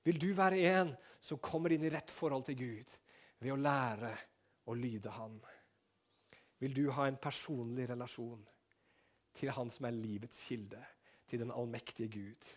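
A man preaching a sermon, building to loud calls and then dropping to a soft, quiet prayer. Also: mid-range voice, long pauses.

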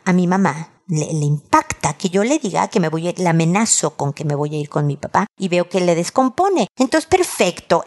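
A woman counsels a caller on raising children. She is warm but firm in her advice. Now and then she acts out a scene between a mother and her child. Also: mid-range voice. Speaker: advice show host.

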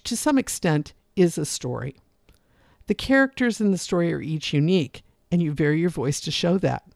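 Clean studio audio with no echo captures a mid-range voice with some vocal fry. In this scripted lesson, the public speaking instructor expressively varies delivery to demonstrate each point.

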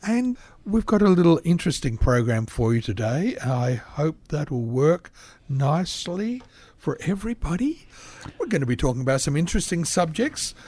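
A man hosting a radio talk show, chatty and rambling, a little croaky, speaking from a studio. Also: a little high, normal speed. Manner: lively, chatty, rambling introductions.

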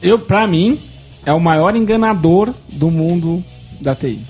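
A man's voice: high-pitched, measured pace, darkish tone, faint music behind. A man chiming in during a casual podcast chat with jokes and exclamations. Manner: joking interjections, exclamations.

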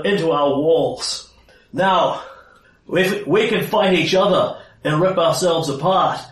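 A man voicing a forceful character who steps in to stop a fight and orders people to stand down. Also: a little high, pitched above the performer's own voice, lightly acted. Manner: forceful, raised commanding voice. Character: commanding man stepping in to stop a brawl. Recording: echoey room, far mic, faint noise.

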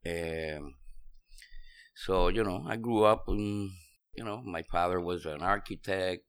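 A middle-aged Puerto Rican restaurant owner, speaking with a Puerto Rican accent, tells his story as an interview guest in a deep, smooth voice at a slow pace. He rambles casually, peppering his talk with "you know".

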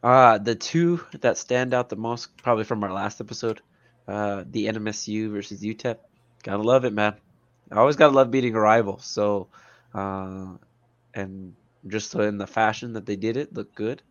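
A man's voice: fairly low pitch, fairly even intonation, normal speed, no room sound, muffled recording. A man with a congested, stuffy nose from allergies, chatting casually about sports as a podcast co-host. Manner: stuffy-nosed, nasal. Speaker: podcast co-host, soccer coach.

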